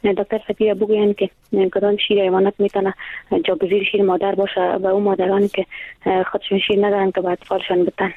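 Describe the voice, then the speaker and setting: A woman, a radio show caller heard over a thin phone line, speaks in a flat, even voice. She asks politely and hesitantly, pausing often. The line sounds dry and tinny. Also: medium pitch, no echo. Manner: polite, hesitant with many pauses. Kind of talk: phone-in question to a doctor.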